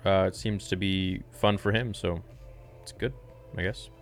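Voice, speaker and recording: Guy, 20s, fitness host, very deep voice, laid-back live Q&A. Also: fairly even intonation, a little slow, faint music behind. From Canada. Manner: casual, laid-back, reads viewer questions aloud then answers. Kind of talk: live-stream Q&A chat.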